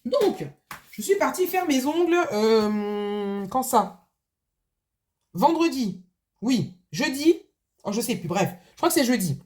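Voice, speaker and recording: A woman's voice: a little high, sing-song, takes it slowly, long pauses, a little mellow, breathy edge. A woman chatting casually to her viewers about her budget binder, telling a long story with many asides, fillers and restarts, from home at her desk. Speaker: budgeting vlogger. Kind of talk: casual chat to camera.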